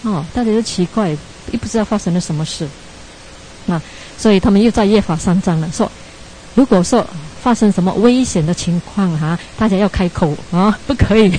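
A woman's voice: medium pitch, dark tone, a little hiss or hum, low-quality recording. A woman giving a Buddhist dharma talk as a meditation teacher, telling a story in a chatty way, ending phrases with tag particles and laughing at her own slips.

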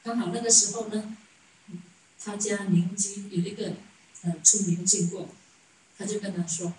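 A woman's voice: mid-range voice, fairly even intonation, normal speed, darkish tone, a little hiss or hum. A woman giving a Buddhist sermon as a story, chuckling often and asking rhetorical questions. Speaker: Buddhist dharma teacher. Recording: echoey room, distant mic.

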